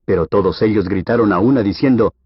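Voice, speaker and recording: A man with a low, husky voice reads scripture aloud at a steady, measured pace, as an audiobook. The recording is dry and dull, with a lo-fi edge. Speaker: Bible reader.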